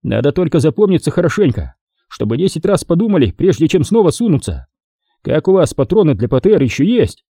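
A man voicing a brash young soldier who shouts quips under fire, in a husky dark voice. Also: on the high side, very animated, brisk, dry recording, clean studio sound, pitched above the performer's own voice. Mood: cocky.

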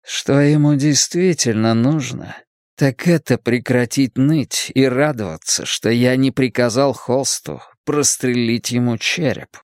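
A man voicing a cold, calculating young male gang leader who speaks slowly and with quiet menace. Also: medium pitch, dry recording, studio quality, natural voice. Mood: coolly menacing. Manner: slow, measured, quietly menacing.

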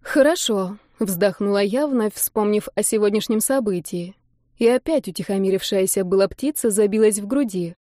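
Brief: female audiobook narrator, warm mellow tone, dry close sound, expressive. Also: mid-range voice, normal speed, no echo. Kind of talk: first-person audiobook narration.

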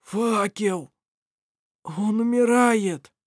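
A man's voice: high-pitched, extremely slow, no room sound, studio quality, voice pushed up, full character voice. A man voicing a frantic man crying out, Irovar. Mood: desperate. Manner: loud, desperate crying out. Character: frantic desperate man shouting in anger.

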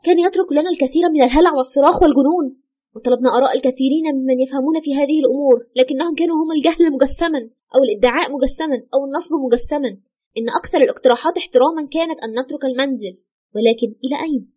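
A haunted widow, played by a woman, pours out her tale of a ghost that will not leave her. She speaks very fast and a little high, with the fear held close under every line. The audio is slightly muffled, as if from a lo-fi audio drama. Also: warm tone, natural voice. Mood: tense. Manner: fearful, urgent, breathless retelling. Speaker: storyteller consulting a doctor.

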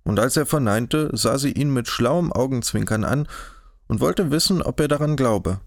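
A man narrating a historical novel in an audiobook, in a measured, even storytelling manner, close to the mic. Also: medium pitch, no echo. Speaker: audiobook reader. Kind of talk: scripted narration.

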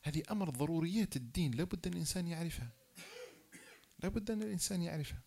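Male lecturer, slightly high voice, explains rules step by step, acts out examples. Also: very fast, creaky, mellow. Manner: explains rules point by point, repeating key phrases; acts out example phrases, then drops low to rule them invalid. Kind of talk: classroom lecture.

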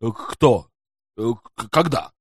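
A man's voice: mid-range voice, very animated, slow, breathy edge, no echo, studio quality, voice pushed down, heavily acted. A man voicing an anxious middle-aged detective who talks in a fussy, wheedling, melodramatic way in an audiobook. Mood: pleading. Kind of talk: audiobook character voice.

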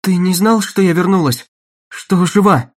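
A man's voice: a little high, a little fast, pitched above the performer's own voice, close to an everyday voice. A man voicing an anxious, strong-willed woman executive in an audiobook, urgent and raised.

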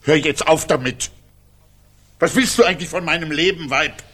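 An actor playing an exasperated, sardonic husband in a radio play, with dry sarcasm that turns to pleading. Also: male voice, fairly high pitch, normal speed, bright, forceful tone, breathy edge. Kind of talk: 1990 radio play acting.

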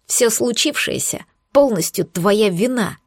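A woman's voice: fairly high pitch, animated, dry recording, clean studio sound. Woman voicing a growling angry demon man. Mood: menacing. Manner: slow, growling, menacing delivery. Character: young male demon lord, furious and domineering.

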